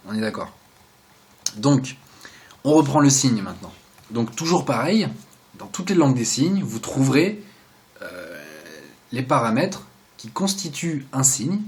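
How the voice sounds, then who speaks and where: A young man talks through a relaxed video lesson in a chatty, joking way. His voice sits at an ordinary middle pitch, and he often trails off into quiet asides between explanations. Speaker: video host teaching sign basics.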